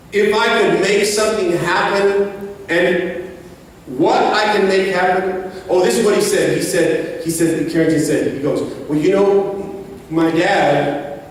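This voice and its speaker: A man's voice: sits high, steady tone, moderate pace. Male pastor, middle-aged, comic sermon style, recorded far off in a noisy reverberant sanctuary. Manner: humorous, joking asides between preaching; call-and-response preaching. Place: church sanctuary. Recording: echoey hall from far off, noisy.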